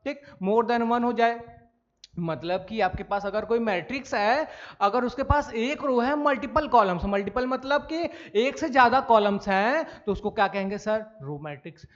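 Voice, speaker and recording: High-pitched man teaching maths. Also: lively intonation, moderate pace. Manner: asks and answers his own questions, repeats key points; calls students "sir", "bhai". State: coughing now and then. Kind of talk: classroom lecture. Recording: dull lo-fi recording.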